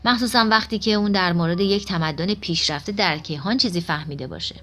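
A woman reading the lines of a calm, wise female guide in an audiobook, speaking gently and reassuringly. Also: lowish voice, faint music behind, close to an everyday voice. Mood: firm.

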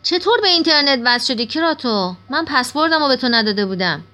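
Woman voicing a curious boy, eager, questioning, higher voice. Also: expressive, pushed and bright. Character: boy narrator-hero, young and curious.

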